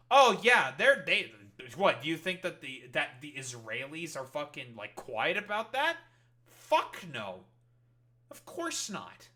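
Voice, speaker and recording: A man's voice: sits high, sharp tone. A man streaming and reacting to clips, talking in a heated, sarcastic, swear-filled rant. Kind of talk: profane rant commentary.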